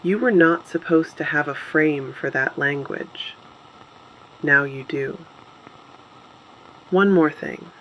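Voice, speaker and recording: In a scripted dystopian drama, a performer plays a solemn, resolute resistance radio host who speaks gravely and deliberately in short phrases. The mid-range voice has a fairly bright tone, and the poor audio carries a little hiss or hum.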